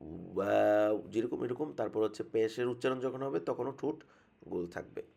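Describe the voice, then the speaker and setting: A man's voice: fairly low pitch, animated, moderate pace, gravelly, warm tone. A man teaching a tajweed lesson, patiently repeating each sound many times as a demonstration. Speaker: Quran recitation teacher.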